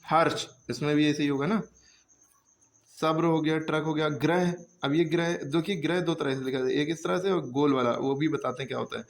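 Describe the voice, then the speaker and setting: Patient male teacher, a little high. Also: fairly even intonation, fairly quick, gravelly. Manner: patient, explains step by step, checks often. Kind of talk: handwriting lesson.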